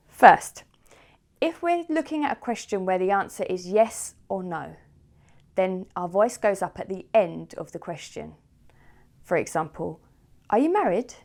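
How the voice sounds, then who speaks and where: A woman teaching a beginner English lesson with a clear, deliberate delivery, acting out example questions with exaggerated intonation. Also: on the low side, a little mellow.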